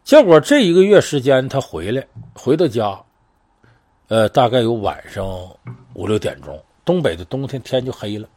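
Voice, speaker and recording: A man's voice: medium pitch, normal speed. A man telling a true crime tale in casual talk, acting out the voices of the people in it. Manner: lively, conversational, acts out voices in the story. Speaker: storyteller. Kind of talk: casual spoken storytelling of a true crime case.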